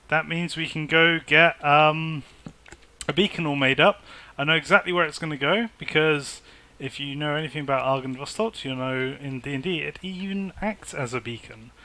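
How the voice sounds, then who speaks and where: A man commentating his own game, excitable and chatty as he talks himself through it. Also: a little high, slight background noise. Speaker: gaming YouTuber. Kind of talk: casual Minecraft let's play commentary.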